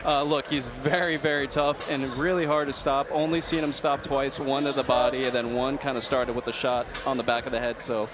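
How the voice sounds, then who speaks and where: A man's voice: medium pitch, fairly even intonation, fairly quick, hardly any pauses, music in the background. A man giving conversational live boxing analysis as a color commentator.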